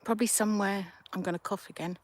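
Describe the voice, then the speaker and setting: A woman hosts a casual livestream by a river, holding her phone and chatting with live viewers slowly, thinking aloud as she goes. Her voice is medium-pitched with fairly even intonation and no echo.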